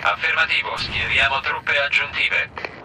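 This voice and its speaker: A man's voice: on the high side, unhurried. An actor playing a curt male military dispatcher giving clipped orders over a radio transmission in a video game. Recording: distant, noisy game mix.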